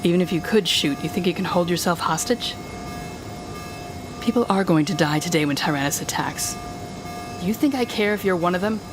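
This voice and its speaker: Cold and commanding, a woman with a lowish voice portrays a smug, controlling telepathic villain in an audio roleplay, lightly acted over music. She taunts the listener deliberately and condescendingly.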